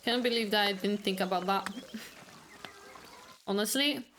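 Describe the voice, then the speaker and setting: A woman's voice: medium pitch, fairly even intonation, fast, fairly bright tone, a little hiss or hum. A woman playing a video game for the first time, chatting casually, talking back to the characters and swearing bluntly. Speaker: gaming streamer. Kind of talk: casual let's-play commentary.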